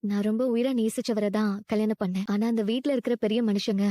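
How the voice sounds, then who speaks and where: A woman playing a proud young working-class woman with a gentle, measured way of speaking in a dubbed drama. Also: mid-range voice, steady tone, dry recording, natural voice. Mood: confiding. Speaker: woman who left her husband and now runs food stalls.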